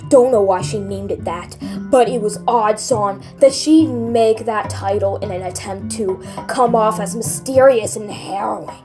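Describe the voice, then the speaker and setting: A woman's voice: medium pitch, a little slow, over music. A woman narrating a scripted first-person horror story in a dramatic storytelling manner. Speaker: creepypasta narrator.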